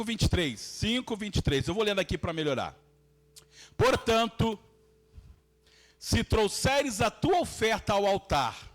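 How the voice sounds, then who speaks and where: A man with a Brazilian Portuguese accent, a pastor preaching and praying fervently in a preaching cadence. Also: sits high. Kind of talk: sermon and fervent prayer.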